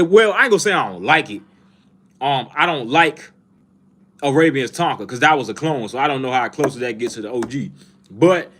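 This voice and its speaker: Animated young man chatting casually. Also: mid-range voice. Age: 20s. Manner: animated, swearing, repeats himself, addresses viewers as bro. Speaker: fragrance livestream host. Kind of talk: casual livestream chat reading comments.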